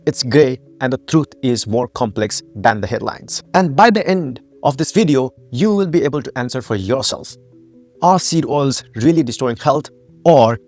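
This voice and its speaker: Speaking at a medium pitch, a Nepali man gives a scripted educational narration punctuated by emphatic rhetorical questions. He is the founder and host of a health channel.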